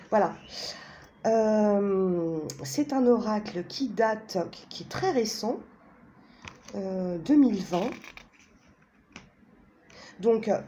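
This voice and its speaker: A woman's voice: mid-range voice, mellow, slight background noise. A woman casually presenting a pendulum and a card deck, talking hesitantly with many fillers and tag questions, chatty and self-mocking.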